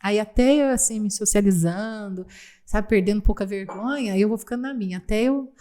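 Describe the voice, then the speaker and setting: A woman's voice: medium pitch, brisk. A young adult woman, a TV reporter chatting casually as a podcast guest and acting out the people in her stories. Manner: lively storyteller, acts out quoted people. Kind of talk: casual chat. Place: podcast studio.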